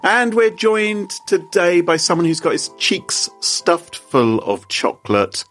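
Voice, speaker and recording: A man hosts a chatty podcast with a teasing, playful manner. His pitch swings widely as he jokes with his co-hosts. Faint music sits underneath. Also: very animated, takes it slowly, fairly bright tone. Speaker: podcast co-host. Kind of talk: casual podcast banter.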